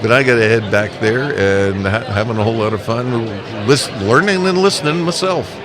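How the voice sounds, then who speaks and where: The crowd chatter of a busy convention fills the background as a man from an amateur radio association speaks as a guest in a casual live interview. His voice is mid-range and fairly quick, and he walks through his points emphatically, step by step.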